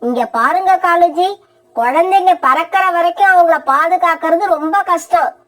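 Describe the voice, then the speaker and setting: A very high, piercing voice for a cartoon mother crow who scolds and threatens her family, as a woman acts her out. She is sharp-tongued and scheming, and her voice keeps a cutting edge throughout. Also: moderate pace. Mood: mocking. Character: harsh scheming mother crow, young wife. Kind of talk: cartoon voice acting.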